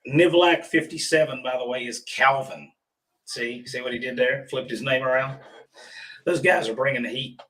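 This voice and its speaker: Hoarse, rusty-voiced man hosting a livestream. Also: mid-range voice, normal speed, a bit bright, far from the mic, rough recording. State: hoarse from pollen. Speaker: host of a livestream workshop. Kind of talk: casual livestream chat. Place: remote studio.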